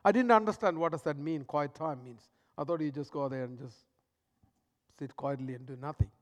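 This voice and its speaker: A man with a high-pitched voice preaching a sermon in a big echoing church hall. He pushes some lines out loudly, then drops others to a near-whisper. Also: fairly quick. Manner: dramatic swings between loud emphasis and hushed, soft lines. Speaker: pastor.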